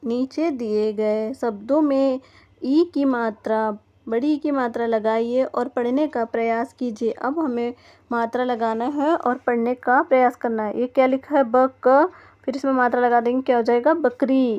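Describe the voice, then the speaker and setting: A woman's voice: on the high side, steady tone, measured pace, darkish tone. A woman teaching a first-grade textbook lesson to young children, patiently sounding out words letter by letter. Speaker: primary school teacher. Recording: dull lo-fi recording.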